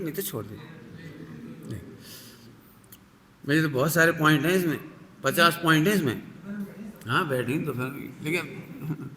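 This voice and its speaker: A man giving a religious sermon, telling animated stories and asking rhetorical questions. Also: on the high side, slight background noise. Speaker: Jain religious teacher. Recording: echoey hall with long reverb.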